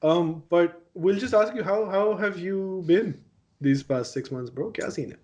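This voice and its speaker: A man's voice: high voice, measured pace, darkish tone. A man with a Pakistani accent hosting a casual, joking podcast chat, mixing Hindi-Urdu phrases into his English. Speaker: podcast host.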